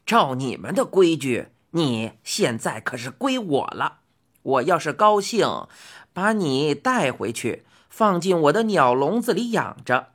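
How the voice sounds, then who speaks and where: A woman voicing a strong, grumpy old man in a storybook reading, talking low, slow and grumbling. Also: big pitch swings, full character voice. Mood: gruff, bargaining.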